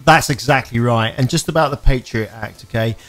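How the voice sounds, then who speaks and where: English male radio host, chatty, stumbles and restarts, mid-pitched, music faint behind. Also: fairly bright tone. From England. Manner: chatty, halting with many restarts. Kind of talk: radio interview. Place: radio station.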